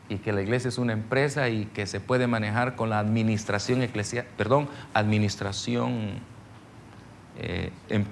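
A man's voice: mid-range voice, slight background noise. A middle-aged man, teaching a ministry seminar in a folksy, conversational sermon style, telling stories and checking that listeners follow.

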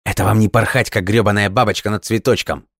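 A man voicing a hot-tempered foreign man who swears and shouts in agitated outbursts. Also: low voice, fairly even intonation, very slow, no room sound, clean studio sound. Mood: furious.

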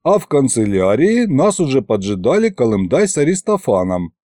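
A man's voice: mid-range voice, moderate pace, no echo, studio quality. A man reading a fantasy novel aloud as scripted narration, telling it expressively. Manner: expressive storytelling with many voices. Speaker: audiobook reader.

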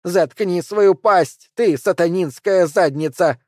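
A man voicing a shrill unhinged woman. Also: moderate pace, a little mellow, dry recording, clean studio sound, lightly acted. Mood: agitated. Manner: shrill, emotional outbursts. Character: agitated unstable southern woman with a gun.

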